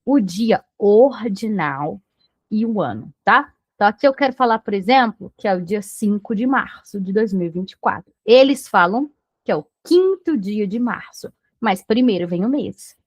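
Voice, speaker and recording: A Brazilian woman teaches English to beginners in a husky, mid-range voice with lively intonation, at normal speed and with no echo. Patiently explaining pronunciation, she checks in after every point with phrases like "tá bom?".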